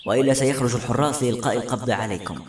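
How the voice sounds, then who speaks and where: A disdainful nobleman issues threats with cold contempt, voiced by a male narrator. He speaks quickly. The room gives the reading a clear echo. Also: mid-range voice, a little mellow, a little hiss or hum, lightly acted. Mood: threatening. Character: arrogant nobleman, menacing and disdainful. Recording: roomy echo.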